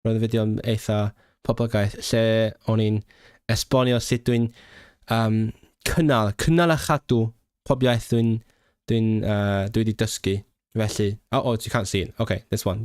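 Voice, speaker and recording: With a fairly low, clear, resonant voice, a young man from Hong Kong runs a laid-back language channel livestream, responding to viewer comments. His accent is a British English mix. A student learning languages himself, he's hesitant and self-deprecating, often restarting and using fillers, on a clean, dry studio recording.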